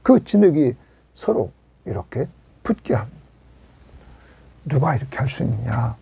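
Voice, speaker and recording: A male pastor preaching a sermon in a gravelly, husky voice with a dark, mellow tone. His pitch leaps up on questions and falls to a breathy near whisper at the ends of phrases. The sound is dry and close. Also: big pitch swings, unhurried, no echo. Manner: emphatic, rises sharply on questions and drops to a near whisper at line ends. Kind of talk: expository sermon.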